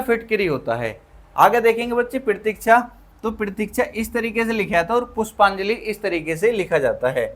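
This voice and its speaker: A man with a high voice runs an online Hindi spelling class for exam students. He goes through the words one by one, repeats each word, and calls his students children. He keeps putting a quick question to the class and answering it himself. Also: a bit bright. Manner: drills by asking and answering himself. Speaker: Hindi teacher for exam prep.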